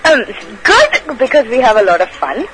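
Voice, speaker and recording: Girlish high-voiced North Indian woman over music. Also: very animated, moderate pace, low-quality recording. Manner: gushing, girlish. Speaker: radio show co-host. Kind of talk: casual chat mixing Hindi and English.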